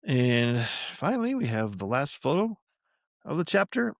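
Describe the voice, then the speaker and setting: A man's voice: medium pitch, sing-song, a little slow, creaky, no room sound, clean studio sound. An older man hosting a podcast, reading a family memoir aloud and drifting into chatty, rambling asides that he corrects as he goes. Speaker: podcast host.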